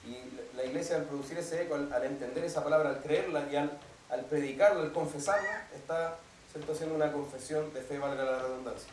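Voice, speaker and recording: A man's voice: fairly high pitch, fast talker, a little mellow, a little hiss or hum. A male pastor giving a teaching sermon in a church, explaining step by step and often checking with the congregation whether they follow. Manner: explanatory, keeps asking "¿cierto?" to the congregation. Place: church hall. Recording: echoey hall, mic at a distance.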